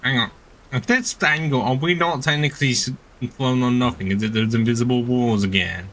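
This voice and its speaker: Speaking a little fast with a medium pitch and fairly bright tone, a man streams a video game and reads its dialogue aloud. His casual commentary comes across as exasperated, sardonic, and nitpicking.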